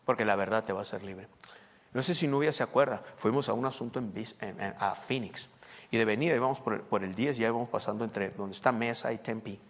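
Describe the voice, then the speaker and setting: A man preaching a conversational sermon. He talks emphatically and moves between hushed asides and loud outbursts. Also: fairly low pitch, brisk. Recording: long hall reverb.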